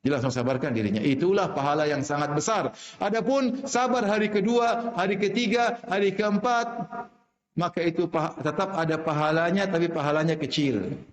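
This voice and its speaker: A man delivering a sermon in a fairly high voice, driving his points home by repeating key lines and slipping into Arabic recitation. The room around him is echoey, so his words ring out with a noticeable reverb. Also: normal speed. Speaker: Islamic preacher.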